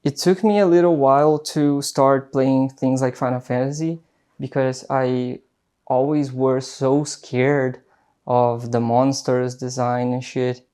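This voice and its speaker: A young Brazilian man, a native Portuguese speaker for whom English is a second language, talks to the camera in an unscripted vlog. His voice is medium-pitched, dark and smooth, with an accent. He rambles casually, full of fillers and restarts.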